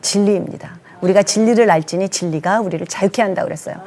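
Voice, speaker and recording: Korean lady pastor, 60s, rapid emphatic preaching, middle pitch. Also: mellow. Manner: earnest, emphatic, acts out quoted speech. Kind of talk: testimony sermon.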